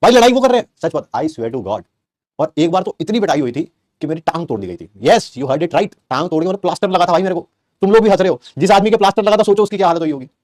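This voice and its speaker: A middle-aged man from tells a story to his class in a quick, high voice. He jokes and acts out his relatives' lines with energy. The sound is close and dry. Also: dry recording. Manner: animated, joking, acts out family quotes. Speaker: teacher. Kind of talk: storytelling aside in a class lecture.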